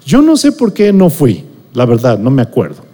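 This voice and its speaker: A man's voice: mid-range voice, wildly swooping pitch, moderate pace, warm tone, in a large hall. A middle-aged man with a Mexican accent, preaching a sermon as a conversational personal story and checking in with his listeners. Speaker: pastor or preacher.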